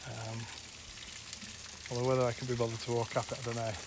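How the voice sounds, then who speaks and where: A man chatting casually as he films a travel vlog outdoors, relaxed and quick to laugh. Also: mid-range voice. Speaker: travel vlogger. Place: outdoors at sightseeing spots. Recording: loud outdoor wind and traffic noise.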